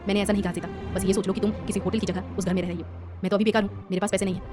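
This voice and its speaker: A young father in a story who holds back his irritation and speaks gently, as a woman narrator puts him on. The reading races along over light music. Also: mid-range voice, little pitch movement, very fast, lightly acted. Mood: restrained. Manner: soft, restrained. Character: patient young father, man.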